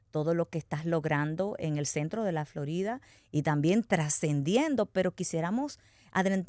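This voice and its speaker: A woman's voice: lowish voice, darkish tone, no room sound, studio quality. A woman hosting a podcast, opening with a scripted introduction and then asking chatty, laughing questions. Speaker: podcast host. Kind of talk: hosting an interview.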